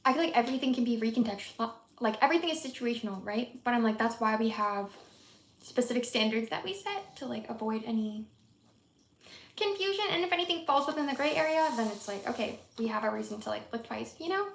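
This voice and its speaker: A woman's voice: on the high side, animated, fast, gravelly. A woman streamer reacting to a video in casual live-stream commentary, rambling and swearing, with lots of filler words. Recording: echoey room, faint noise.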